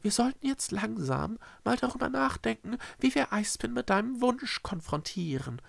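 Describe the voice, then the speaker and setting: A man voicing a small, frantic male cat creature in a storybook reading, very high and agitated. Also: expressive, moderate pace, dry recording, heavily acted. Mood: wary. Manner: shrill, agitated, shouting.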